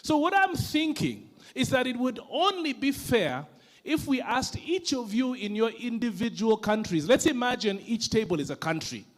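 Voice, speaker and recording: A man from Uganda co-hosting an awards ceremony, teasing and rousing the crowd in a playful, energetic way. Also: very high voice, moderate pace. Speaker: event co-host.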